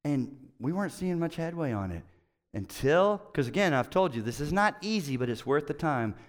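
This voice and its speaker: Animated middle-aged male pastor, lively pitch. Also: normal speed. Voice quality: hard of hearing. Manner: animated storytelling, acts out quotes with big pitch jumps. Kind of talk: conversational sermon.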